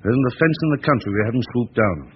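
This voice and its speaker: An actor playing a worried, blunt Scotland Yard chief inspector in a vintage radio drama, with earnest, clipped, old-fashioned speech. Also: male voice, medium pitch, expressive, very fast, close to an everyday voice. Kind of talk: 1940s radio acting. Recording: lo-fi old radio recording with hiss.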